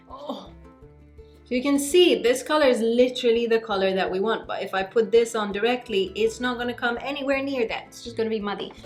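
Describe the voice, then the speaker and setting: A woman from Malta with a Maltese accent, chatting expressively and emphatically as a beauty vlogger giving a tutorial. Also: medium pitch. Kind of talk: chatty hair-dye tutorial vlog. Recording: music behind the voice.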